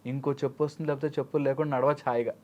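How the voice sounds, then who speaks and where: A man's voice: mid-range voice, flat delivery, rapid-fire, highs cut off. A man speaking as a life coach in an interview, explaining through everyday examples and mixing in English phrases. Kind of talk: interview answers.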